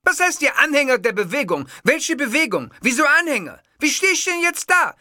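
A raging, vain male comedian who shrieks his insults in a cracking, very high voice and spits out curses. The voice jumps wildly up and down, bright and loud, recorded completely dry in an audiobook. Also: sing-song, takes it slowly, slightly rough, no echo, heavily acted. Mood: furious shouting. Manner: screaming insults, cursing. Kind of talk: audiobook reading.

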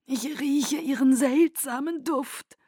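A woman's voice: sits high, slow, mellow, dry recording, clean studio sound, pitched above the performer's own voice. A woman reading an audiobook, voicing an ancient male vampire leader with a melodic, silky, theatrical manner. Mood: silky, delighted.

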